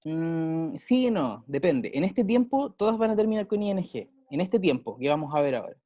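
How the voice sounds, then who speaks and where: A man's voice: a little high, big pitch swings, moderate pace, warm tone, no echo. A male teacher with a Chilean accent, explaining grammar in a casual way with everyday examples and frequent check-ins with his pupils. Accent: Chilean Spanish. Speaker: English teacher.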